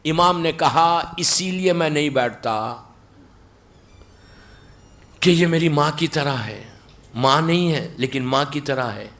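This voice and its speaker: A male preacher with a Mumbai Urdu accent, delivering a sermon and mixing in English, at times rising to loud, emphatic outbursts. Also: a little high, pauses often.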